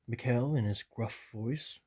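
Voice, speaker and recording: A man voicing a stern, loyal commissar who reads a military handbook aloud in whispered role-play, measured and officious with dry asides. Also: medium pitch, a little mellow, husky.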